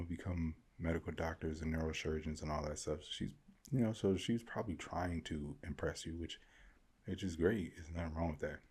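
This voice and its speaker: Very deep, gravelly-voiced man rambling. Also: darkish tone. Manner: thinks aloud, rambling with restarts. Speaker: host. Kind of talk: casual commentary on reader posts.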